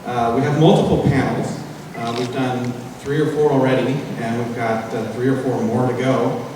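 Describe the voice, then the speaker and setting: Speaking at a moderate pace with a medium pitch and little pitch movement, a panel host presents casually and loosely, using many fillers. He's in a large convention hall, captured by a distant mic amid echo and background noise.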